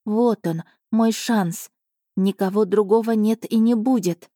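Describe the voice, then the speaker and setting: An ancient female spirit of an island pleads in a slow, solemn audiobook voice, put on by a woman narrator. The tone is mellow and dark, recorded close and dry. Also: mid-range voice, no echo, pitched above the performer's own voice, natural voice. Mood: solemn earnest. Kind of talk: audiobook reading.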